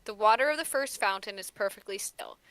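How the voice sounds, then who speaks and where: Bright-voiced woman running a fantasy game. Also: mid-range voice, brisk, smooth, no echo. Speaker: game master. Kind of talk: narrating a tabletop fantasy game.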